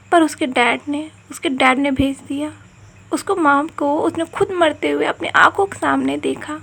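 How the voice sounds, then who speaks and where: A woman tells a story in an earnest, emotional way, often circling back over her words. Her voice sits very high with a gravelly texture.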